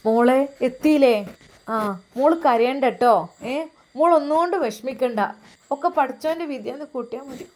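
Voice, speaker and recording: A woman's voice: sits high, moderate pace, close to an everyday voice. A woman voicing a tearful, protective mother who pleads and soothes. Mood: soothing.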